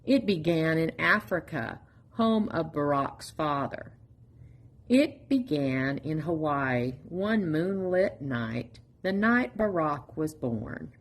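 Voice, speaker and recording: At storytime, a woman with a low voice reads a picture book for children, taking an expressive, deliberate approach marked by pauses.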